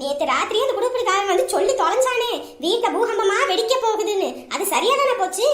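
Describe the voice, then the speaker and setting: A scolding, lamenting mother-in-law, played by a woman, who berates her son at length. Her voice is very high and shrill. It is recorded in a roomy, echoing space. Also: expressive, fast. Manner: loud scolding, dramatic lamenting. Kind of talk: comedy skit acting. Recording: roomy echo.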